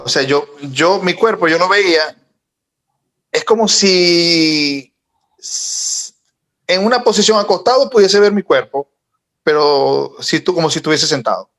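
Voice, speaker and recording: A fairly high-voiced young man telling a story on a podcast. His telling is animated and gets more intense as it goes, always casual and personal. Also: moderate pace. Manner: animated, recounting with rising intensity. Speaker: podcast co-host.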